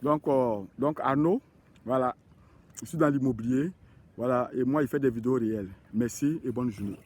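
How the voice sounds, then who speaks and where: A real estate agent with a medium-pitched, slightly mellow voice gives a casual walking video tour of land plots outdoors at normal speed. He sounds hesitant, with lots of fillers, hesitations, and restarts.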